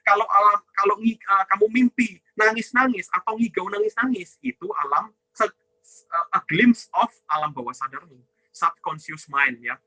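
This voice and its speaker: Guy teaching a church seminar, high pitched, super bright punchy voice, keeps going "ya?" and asking himself questions. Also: normal speed, dry recording, poor audio. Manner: asks and answers his own questions, tags lines with "ya"; addresses listeners as "saudara". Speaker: ministry teacher on inner healing. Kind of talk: teaching talk with slides.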